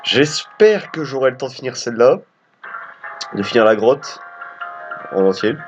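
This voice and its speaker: A man's voice: mid-range voice, animated, a little slow. A man hosting a let's play, chatting casually and rambling as he plays, with frequent casual swearing. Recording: dull lo-fi audio with game music. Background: game music.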